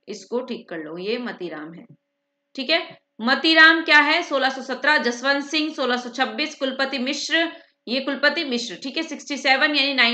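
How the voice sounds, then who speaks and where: A woman teacher rattles through an exam-prep lecture at speed, often checking in with "theek hai". Her voice sits high and sounds bright and sharp. The room gives it a noticeable echo. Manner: fast-talking, brisk.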